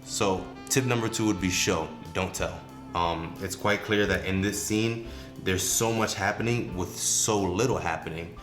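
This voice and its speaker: A man, a creative director, explaining storytelling tips in a relaxed, casual way, with frequent "you know" and "um" fillers. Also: deep voice, a little slow. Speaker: creative director and video host. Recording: echoey room with music underneath.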